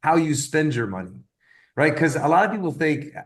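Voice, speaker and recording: A man in his fifties giving casual motivational coaching, rambling and often repeating words as he tells lively stories. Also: on the high side, normal speed. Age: 50s. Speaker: wellness business coach.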